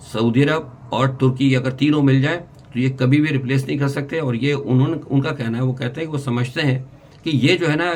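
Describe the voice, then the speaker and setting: Brief: male commentator, mid pitch, loose off-the-cuff delivery, frequent restarts and asides. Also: slight background noise. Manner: rambling, many restarts and asides, mixes in English words. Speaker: political commentator. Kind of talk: unscripted political commentary.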